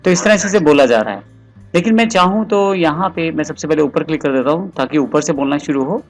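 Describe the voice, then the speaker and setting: A man explaining software step by step, addressing the viewer in a screen-recorded tutorial voice-over. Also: on the high side, lively intonation, quick pace, soft background music.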